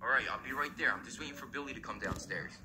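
A man's voice: medium pitch, rapid-fire, noisy background, pitched below the performer's own voice, lightly acted. A man voicing a scheming teenage brother plotting a prank in a comedy skit. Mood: sly. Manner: sly, conspiratorial.

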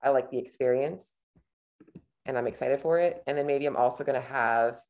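Low-voiced woman coaching on screen. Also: normal speed, darkish tone. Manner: casual, chatty, thinks aloud while clicking. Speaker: nutrition coach. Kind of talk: screen-share tutorial.

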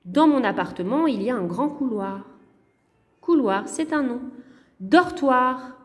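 Slow, patient woman teacher with echo. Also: on the high side, lively intonation. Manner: slow, patient, spells out words syllable by syllable. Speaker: primary school teacher. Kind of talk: recorded lesson correction for young pupils.

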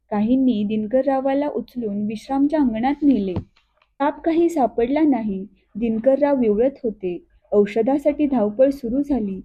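A woman reading a classic story aloud in a steady, expressive way. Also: a little high. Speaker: narrator. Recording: thin phone-like audio.

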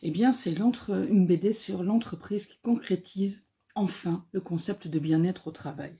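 Slow, mellow-voiced woman reviewing a comic. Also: lowish voice. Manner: hesitant, searching for words. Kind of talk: casual spoken book review.

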